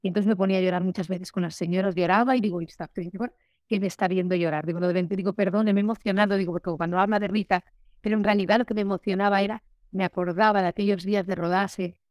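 Expressive woman telling her story. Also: mid-range voice, very fast, no room sound. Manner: lively storyteller who acts out quoted voices. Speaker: guest, actress. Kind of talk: candid interview conversation.

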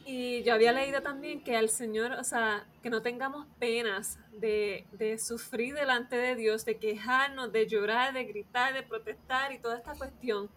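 A woman's voice: a little high, steady tone, moderate pace, hardly any pauses, a bit bright, slight background noise. A woman hosting a casual faith podcast, talking reflectively and laughing easily. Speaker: podcast host.

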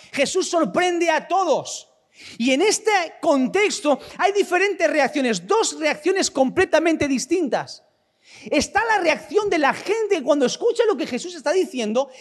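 High-voiced preacher in a reverberant hall. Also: male voice. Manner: emphatic preaching with many rhetorical questions. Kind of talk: sermon. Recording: long reverb of a large room.

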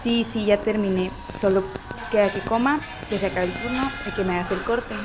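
A woman's voice: medium pitch, steady tone, brisk, lightly acted. A woman playing a young female worker who is tired and politely asks to leave for a break. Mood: weary. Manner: polite, weary. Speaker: employee. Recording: music playing underneath.

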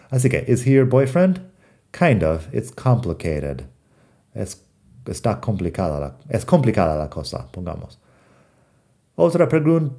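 A man's voice: low-pitched, mellow. A man from the United States giving a podcast English lesson in Spanish, reading example phrases in English. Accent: American English. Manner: slow, explains in Spanish and reads English example lines. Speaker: English teacher.

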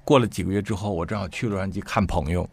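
Animated storytelling man. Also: low voice, fast talker, creaky, husky. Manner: animated, acts out quoted speech with sharp rises. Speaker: storyteller guest. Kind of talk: casual conversational storytelling.

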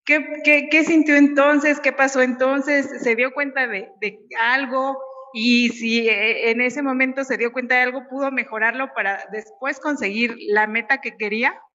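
A woman hosting an interview, talking in a halting way with many repeated words and fillers. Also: high voice, steady tone, bright, forceful tone. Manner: hesitant, repeats words while asking. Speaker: podcast host. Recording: lo-fi audio with long reverb.

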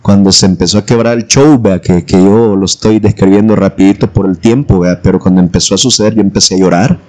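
A man from El Salvador with a Salvadoran accent, telling a personal faith testimony as a guest, lively and acting out the voices he quotes. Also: deep voice, quick pace. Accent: Salvadoran Spanish.

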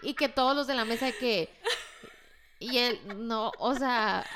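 A woman's voice: fairly high pitch, a little slow, noisy background. Chatty young Mexican woman co-host. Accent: Mexican Spanish. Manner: chatty, reacts with gasps, mixes in English. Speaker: podcast co-host. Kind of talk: casual chat.

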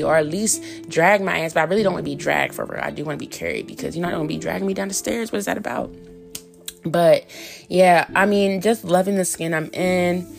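Frank, gravelly-voiced woman podcaster. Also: on the low side. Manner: candid, frank and chatty with many fillers. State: hiccuping and coughing. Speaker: podcast host. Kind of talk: casual solo podcast monologue.

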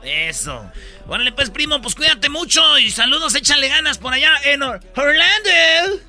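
A man's voice: extremely high pitch, sing-song, brisk, pushed and bright, faint music behind. A man hosting a comedy radio show with playful, slangy banter.

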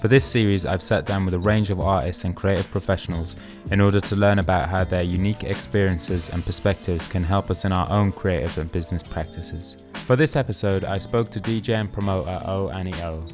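A man with a very low voice hosts a podcast. He opens with a scripted introduction, then interviews his guest in an easygoing way, often answering with short "yeah" and "right". Music plays clearly behind him. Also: fairly even intonation, fairly quick, few pauses. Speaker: podcast host.

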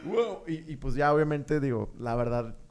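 A young man with a Mexican accent tells a story on a casual podcast chat. He is animated and swears freely, acting out his own reactions with jumps in his voice. His pitch sits in a middle range. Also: moderate pace, clean tone. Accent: Mexican Spanish. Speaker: podcast co-host.

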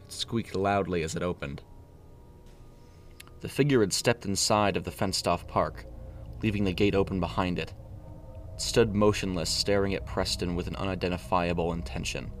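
A man narrating a story in a steady, even voice. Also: low-pitched, moderate pace, slight background noise.

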